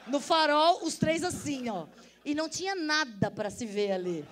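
A woman's voice: sits high, lively intonation, moderate pace, a bit bright. A middle-aged woman, an interview guest telling a story with lots of energy, acting out voices and laughing often. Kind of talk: animated storytelling.

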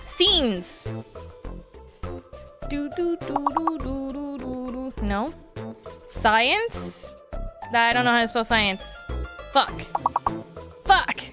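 A young woman streaming live, chatting casually with viewers, playful and quick to swear and laugh. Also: on the high side. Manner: playful, swears and laughs often, reads chat aloud. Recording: music playing behind voice.

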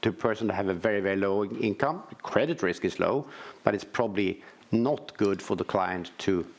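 A middle-aged man on a panel stage talks in a low, gravelly voice. He stumbles and restarts often, repeating little words as he searches for his point, speaking through a headset mic in a large hall. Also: brisk. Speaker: panelist, financial supervisor. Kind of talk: conference panel talk. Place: large auditorium stage with audience.

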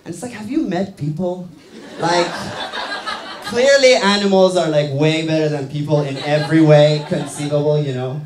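A man's voice: a little high, moderate pace, crowd noise. A young man from Iran doing a stand-up set on a small club stage, talking loosely into a handheld mic, with lots of fillers and tag questions. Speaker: stand-up comedian. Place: small comedy club stage with live audience. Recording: roomy club sound.

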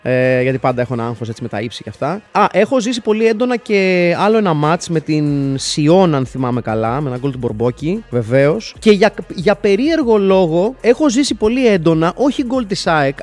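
Man rambling through anecdotes. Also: on the high side. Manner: rambling, with frequent self-corrections and restarts; grows loud and animated when excited. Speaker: interview guest, football fan. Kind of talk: casual anecdotal storytelling. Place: seated in an armchair in a studio.

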